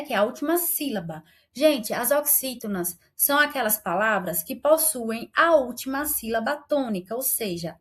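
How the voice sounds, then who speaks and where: A woman's voice: a little high, a bit bright. Patient young woman teaching grammar. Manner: patient, repeats "né?" and "certo?" to check in with viewers; stretches out key words slowly for emphasis. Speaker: Portuguese teacher on a video channel. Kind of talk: explaining grammar rules over slides.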